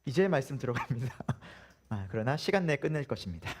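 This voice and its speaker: A man's voice: mid-range voice, sing-song, quick pace, slightly rough. A male pastor preaching a Sunday sermon in a church, with humor and many rhetorical questions.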